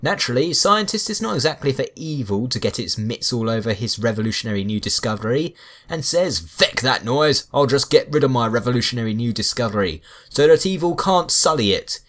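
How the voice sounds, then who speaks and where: Over background music, a man reads a scripted video game review at a brisk clip. His mid-range voice is fairly bright and expressive, and he slips in wry, sarcastic remarks.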